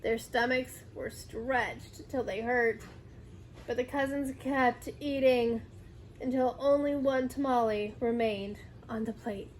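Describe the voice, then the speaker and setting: A woman with a high voice reads a children's story aloud at an unhurried pace. Her delivery is expressive and dramatic, with faint noise behind her. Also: low-quality recording. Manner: dramatic, acts out dialogue.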